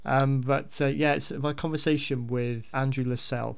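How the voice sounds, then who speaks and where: A man speaks as a podcast host in a casual, unscripted style. His voice has a lot of fry and stays fairly even in pitch. He rambles hesitantly, often repeating words as he goes. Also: moderate pace.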